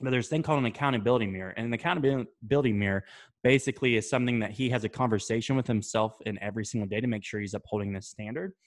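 A man's voice: on the low side, rapid-fire. A young man talking casually to camera, giving habit advice, loose and chatty, swearing now and then and checking in with "right?" and "okay?". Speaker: self-improvement vlogger.

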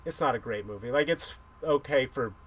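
A man's voice: mid-range voice, fairly quick, very noisy. A man hosting a podcast, chatting casually and rambling about films, with a loose manner and the odd swear. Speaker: podcast host. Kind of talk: casual chat.

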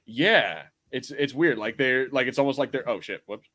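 With an animated, medium-pitched voice that sounds pushed and bright, a man co-hosts a podcast at a normal speed. He rambles casually about pop culture, using plenty of slang.

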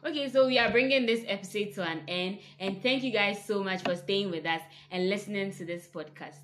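A woman hosting a casual podcast, talking in a measured, advising way. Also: medium pitch. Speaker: podcast host.

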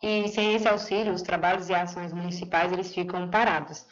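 A woman's voice: fairly low pitch, steady tone, a little fast. A Brazilian woman, a local official, explaining in an interview clip. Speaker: municipal finance official. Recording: slightly dull interview clip.

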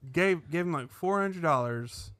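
A man's voice: a little high, animated, unhurried, fairly bright tone. Sardonic swearing man ranting casually. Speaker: podcast co-host. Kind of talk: casual chat.

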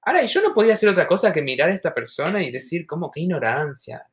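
A woman from Argentina with a softened Argentine accent, co-hosting a podcast and talking earnestly and at length in casual conversation. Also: fairly low pitch, huge pitch swings, rapid-fire. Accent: Argentine Spanish, softened toward neutral. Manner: earnest, reflective, talks at length. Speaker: podcast co-host.

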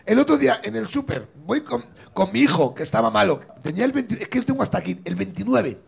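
Gravelly middle-aged guy hosting a comedy show, husky voice, high and bouncy, acts out every part of his story. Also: quick pace. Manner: animated, acts out both sides of the story. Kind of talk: stand-up style storytelling.

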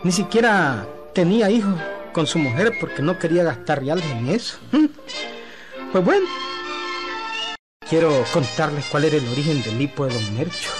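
A man's voice: fairly high pitch, sing-song, moderate pace, over music. A man narrating a comic tale in a chatty, folksy radio style, speaking directly to a listener.

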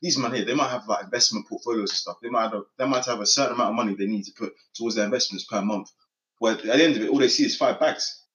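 Young man, low pitch, slangy emphatic chat, echoey room. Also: very fast, fairly bright tone. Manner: slangy, emphatic, repeats phrases. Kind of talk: casual group chat. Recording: echoey room, slightly muffled.

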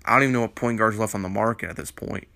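A man's voice: fairly low pitch, very fast, creaky, pushed and bright, dry recording. A man hosting a basketball news panel in casual commentary, with a congested morning voice from a sinus infection, rambling with many fillers. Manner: rambling, filler-heavy, opinionated.

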